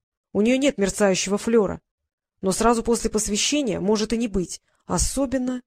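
A woman reading the part of a suspicious, sharp-tongued teenage boy in an audiobook, cold and mocking in manner. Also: mid-range voice, normal speed, close to an everyday voice. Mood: explaining.

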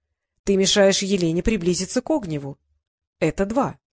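Calm mocking schemer boy in a storybook, insinuating, as a woman puts him on. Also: mid-range voice, no echo, clean studio sound, close to an everyday voice. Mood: sly. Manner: smooth, insinuating, unhurried.

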